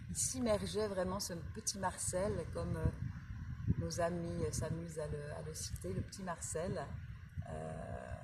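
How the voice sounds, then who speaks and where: A woman vlogger talking in a halting, improvised way, with many restarts, while sitting on a beach by the sea. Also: fairly low pitch, background noise. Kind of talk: improvised casual vlog and reading aloud. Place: outdoors on a sandy beach by the sea. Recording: loud outdoor ambience by the sea.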